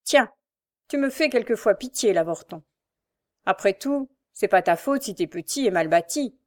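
A woman voicing a big lazy bully of a brother, loud and mocking, in a storybook reading. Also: mid-range voice, expressive, moderate pace, natural voice. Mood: boastful.

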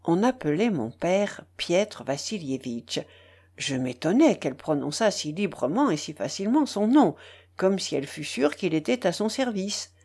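A woman narrating a classic novel in an audiobook, in a measured, expressive reading. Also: on the low side, slightly rough. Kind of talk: scripted literary narration.

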